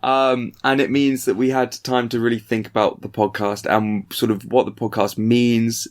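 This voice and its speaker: A man's voice: medium pitch, flat delivery, moderate pace. A man co-hosting a podcast in casual, rambling, dryly joking chat, recorded in the attic of a house. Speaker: podcast co-host. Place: attic room of a family house.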